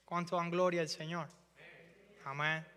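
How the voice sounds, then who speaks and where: A bright, high-pitched male pastor preaching with fervor in a church sanctuary, his voice climbing toward near shouting at the peaks. The room has a long, echoing reverb. Soft music plays behind him. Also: flat delivery, a little slow, smooth. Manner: impassioned preaching, rising to near shouting at climaxes. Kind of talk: sermon.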